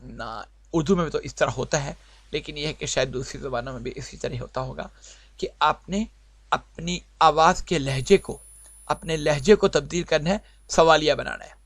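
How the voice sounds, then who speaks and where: Male language teacher, pitched a bit high, patient and repetitive, dry close-mic lesson recording. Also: moderate pace, a bit bright, no echo. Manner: explains patiently, repeating points and asking himself questions. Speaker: English teacher.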